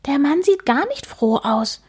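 A woman's voice: sing-song, unhurried, a little mellow. A woman doing a proud little girl. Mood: eager. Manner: eager, high childlike voice.

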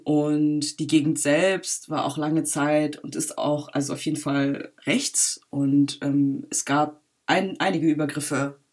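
A young adult woman from Berlin, a filmmaker guest in a casual interview, talking in a lively way with frequent laughs and fillers. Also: deep voice, takes it slowly, few pauses. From Berlin, Germany.

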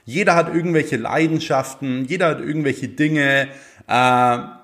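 A young man with a medium-pitched, slightly bright voice talks at normal speed to his viewers in a casual, motivational way. This motivational speaker uses lots of fillers and lifts his emphasis on the key points.

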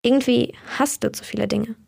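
Young woman reading a cheerful blunt teen girl, high-ish, kinda husky. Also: fairly even intonation, a little fast, a little mellow. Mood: frank. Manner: frank, upbeat.

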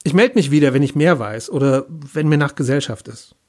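Blunt stranded young woman, as a husky man voices her. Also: fairly high pitch, lively intonation, brisk. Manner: blunt, casual, sarcastic.

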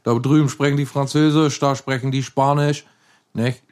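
A man's voice: medium pitch, level tone, moderate pace, a little mellow. A man from Hamburg with a Hamburg accent, rambling folksily through casual comedic banter and tagging his sentences with "ne?". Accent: Hamburg German. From Hamburg, Germany.

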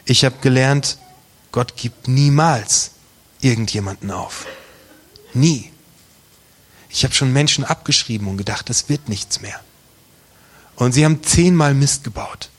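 A husky-voiced preacher delivers a sermon in an emphatic, direct manner. He asks his listeners rhetorical questions and swings between forceful lines and hushed ones. His pitch sits in the middle for a man. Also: a little slow, pauses often.

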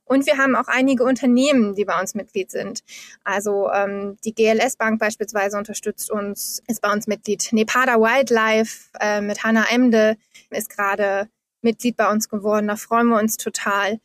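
A woman's voice: a little high, dry recording. A woman in her thirties, a guest in an interview, explaining figures steadily and with enthusiasm. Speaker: guest, founder of a forest project. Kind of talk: interview answers.

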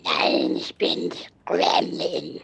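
A deep, creaky gremlin mascot. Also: male voice, huge pitch swings, drawn-out words, a bit bright, heavily acted. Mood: eerie. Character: gremlin team mascot, male, slow, gravelly.

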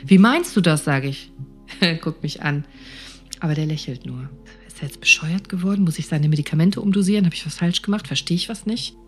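A woman's voice: sits low, brisk, soft background music. A woman doctor vividly telling a personal story, acting out the dialogue. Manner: vivid, animated retelling with acted dialogue.

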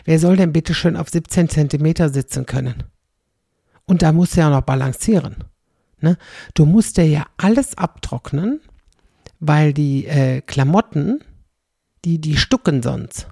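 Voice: mid-range voice, measured pace, creaky, mellow, breathy edge, dry recording, clean studio sound. A middle-aged comedian, doing a chatty, rambling stand-up monologue and tagging sentences with "ne?". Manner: rambling, chatty, constantly tags "ne?".

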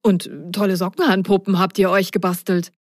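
A woman voicing a grumpy middle-aged driver in a storybook reading, talking in a gruff, plain way. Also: medium pitch, little pitch movement, fairly quick, no room sound, studio quality, close to an everyday voice. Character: grumpy middle-aged man softened by candy.

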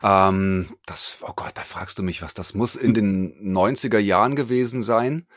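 A man, a performer answering interview questions over a remote call, relaxed and hesitant with many fillers. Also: on the low side, normal speed, no echo, clean studio sound. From Frankfurt, Germany. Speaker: guest, a cappella performer. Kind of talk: casual interview.

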